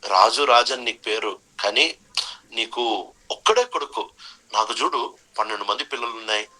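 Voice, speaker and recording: Storybook wild boar, meek and deferential, husky and low, voiced by a male preacher. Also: normal speed, bright, forceful tone, poor audio. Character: timid wild boar with many piglets.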